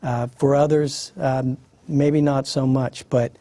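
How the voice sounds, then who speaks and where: A man in his fifties hosts a panel as its moderator. His voice is warm and mellow, recorded dry and close. He talks in a relaxed, conversational way, with plenty of fillers. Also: mid-range voice, slow pace, no room sound. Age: 50s. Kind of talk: panel discussion.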